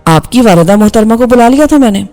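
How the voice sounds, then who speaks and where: A woman's voice: fairly high pitch, lively intonation, dark tone, lightly acted. A woman voicing an angry, bitter young male engineer who speaks harshly in audiobook dialogue, over faint background music. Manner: harsh, scolding delivery.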